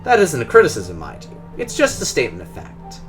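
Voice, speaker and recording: Over soft background music, a man performs the role of a guarded, polished Russian drone engineer with a Russian accent and formal, precise, measured speech. His medium-pitched, fairly bright voice swoops wildly in pitch.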